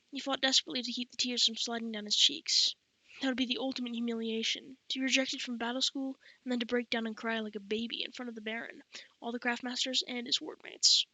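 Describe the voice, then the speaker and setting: A woman narrating an audiobook in a bright, forward voice, pitched a little high. She catches her reading slips and corrects them aloud, all recorded close and dry. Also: no room sound, poor audio. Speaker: audiobook reader.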